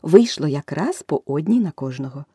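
A woman narrating a children's storybook aloud with expressive, varied delivery. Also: sits low, normal speed, slightly rough, no echo, studio quality.

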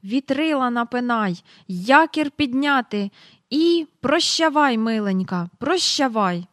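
A woman voicing a jolly, blustering old admiral with a booming way of talking. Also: big pitch swings, normal speed, a bit bright, no room sound, studio quality. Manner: booming, nautical.

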